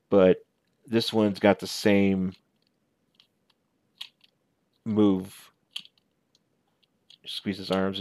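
A man in his forties with a fairly low voice talks through a casual show-and-tell review. His delivery is conversational and halting, often doubling back to correct himself. The sound is close and dry, as from a headset at home. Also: no echo. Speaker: toy reviewer. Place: small living room at home.

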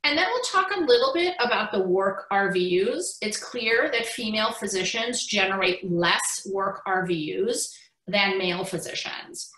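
A middle-aged woman physician giving a conference keynote over a video call, explaining slides with lively emphasis and the odd restart. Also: mid-range voice, moderate pace, echoey room, low-quality recording.

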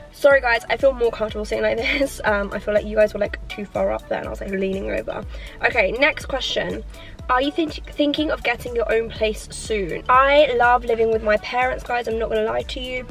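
A woman, chatting casually while eating in a mukbang Q&A, filling her talk with "like" and sometimes speaking with her mouth full. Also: medium pitch. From London, England. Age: 20s. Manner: chatty, leans on "like" constantly. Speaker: YouTuber.

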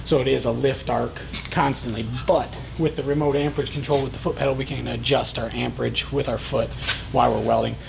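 Gravelly-voiced man demoing welding gear. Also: mid-range voice, a little fast, noisy background. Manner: relaxed, plain-spoken, many "uh" and "um" fillers. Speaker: welding supply product reviewer. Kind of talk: casual product demonstration.

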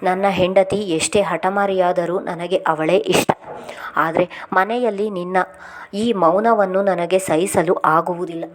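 Exasperated young husband, pleading, a bit low, read by a woman narrator. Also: fairly even intonation, measured pace, lightly acted. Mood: soothing. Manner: pleading, scolding.

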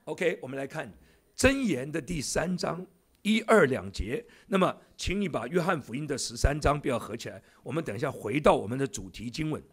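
Older man in his seventies, church elder, sermon, husky voice, lively animated pitch, teasing humor. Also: brisk. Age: 70s. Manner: jokey, teasing asides to the congregation.

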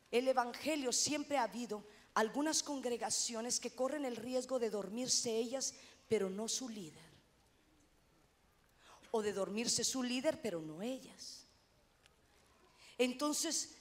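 A middle-aged woman pastor from Honduras, preaching a sermon in a loud, animated way with self-mocking humor. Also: fairly high pitch.

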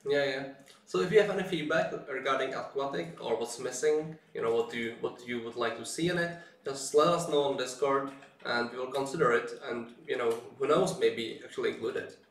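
A man co-hosting a software live stream chats easily and casually, laughing often, in a mid-range voice at a fairly quick pace. He sits distant from the mic in an echoey room, so his voice carries a heavy, canyon-like echo.

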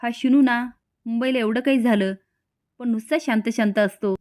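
A woman's voice: a little high, moderate pace, a little mellow, no echo, studio quality, lightly acted. A woman voicing a scheming young woman complaining to an ally.

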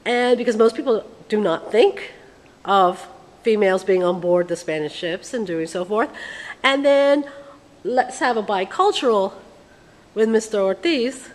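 A woman's voice: mid-range voice, animated, unhurried. Playful woman host in an echoing museum hall. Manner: theatrical, chatty, mixes Spanish greetings. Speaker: vlog host. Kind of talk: playful on-location interview. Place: large museum exhibit hall, indoors. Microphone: handheld camera held close. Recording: long hall reverb with background noise.

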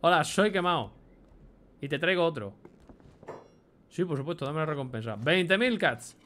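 A man's voice: a little high, animated, unhurried, fairly bright tone. A young man with a Spain Spanish accent giving chatty let's play commentary, swearing casually and reading item names aloud. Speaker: gameplay commentator.

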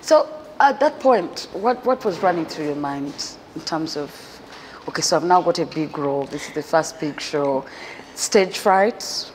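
A woman's voice: low-pitched, lively intonation, unhurried, darkish tone, slight background noise, rough recording. Encouraging Ugandan woman interviewer. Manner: supportive, frequent affirmations. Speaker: interview host. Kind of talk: casual interview chat.

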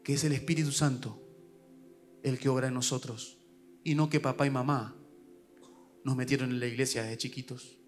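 A male pastor with a Paraguayan Spanish accent, preaching a sermon at a church service, swinging from loud urgent calls to hushed asides. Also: mid-range voice, fairly even intonation, moderate pace, pauses often, faint music behind.

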